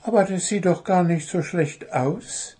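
A man voicing a small, cheeky, excitable blue bird in a storybook reading, in a high chirpy voice. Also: measured pace, breathy edge, exaggerated voice.

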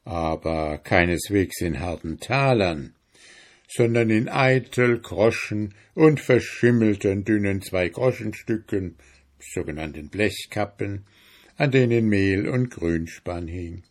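Male fairy-tale narrator, low-pitched, unhurried, measured reading. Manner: slow, measured storytelling.

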